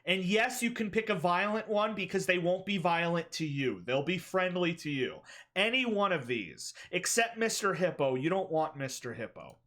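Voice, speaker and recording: A man's voice: high voice, animated, a bit bright. A man streaming a reaction to a video, chatting casually with viewers and cracking jokes. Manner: joking, quick asides, frequent laughs.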